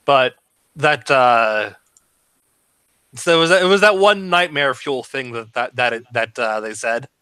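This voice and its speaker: A man with a crisp, bright voice talks slowly and haltingly as a tabletop game player. His hesitant, casual descriptions come through very dry. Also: mid-range voice, expressive, dry recording.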